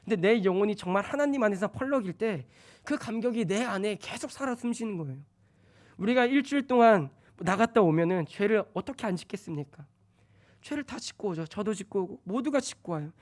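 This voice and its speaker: A man preaching a sermon, swinging between loud urgent stretches and soft hushed ones. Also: sits high, lively intonation, fairly quick.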